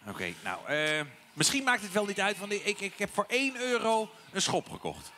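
An actor playing a bossy, excitable clown partner on a stage, giving orders and demanding answers. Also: male voice, high-pitched, moderate pace, slight background noise, heavily acted. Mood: calm. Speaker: stage comedian. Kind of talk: live children's theatre comedy. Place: theatre stage. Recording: theatre hall reverb.

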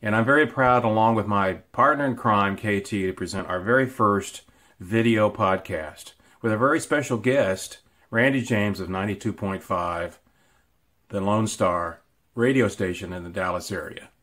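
A man's voice: lowish voice, normal speed, a bit bright. A man giving an upbeat scripted introduction to his podcast as co-host. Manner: upbeat, promotional.

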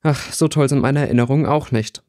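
A man's voice: medium pitch, fairly quick, darkish tone, lightly acted. A man voicing a cool, defiant boy wizard in an audiobook reading, close to his own voice. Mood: mocking. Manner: cool, mocking.

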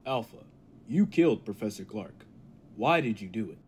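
A man's voice: on the low side, expressive, normal speed, heavy background noise, natural voice. A man playing a confident laboratory scientist who explains things dramatically in an old-time radio play. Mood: commanding. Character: confident male laboratory scientist, eager and unflinching.

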